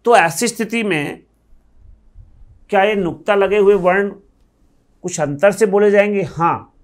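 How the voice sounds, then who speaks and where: A man from India with a voice that sits high teaches grammar at a board. He explains with patience, repeats words slowly and has the class respond yes or no.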